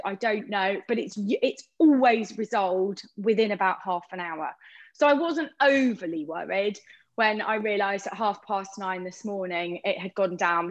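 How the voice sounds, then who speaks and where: A woman's voice: medium pitch, low-quality recording. A woman giving a live cooking demo over a video call from a kitchen, chatty and explaining step by step. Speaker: cooking appliance demonstrator.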